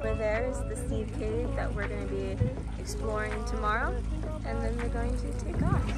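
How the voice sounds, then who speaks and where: A woman's voice: a little high, moderate pace. A young woman chatting upbeat to her phone camera on a sailboat deck, narrating her sailing trip. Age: young adult. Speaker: sailing vlogger. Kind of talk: casual vlog narration. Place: outdoor deck of a sailboat at sea. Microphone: phone held at arm's length. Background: loud background music.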